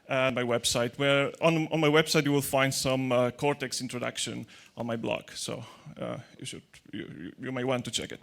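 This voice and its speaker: Holding a handheld mic, a talkative conference speaker addresses an audience in a vast dark hall about tech. He has a mid-range, fairly bright voice and jokes as he goes, stumbling into restarts and speaking with non-native grammar.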